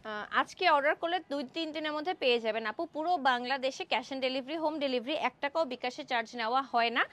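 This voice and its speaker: A young woman from Bangladesh hosting a live-stream clothing sale, chatty and excited, exclaiming over dresses in an indoor showroom. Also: sits high, a little fast. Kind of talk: Facebook live sales pitch.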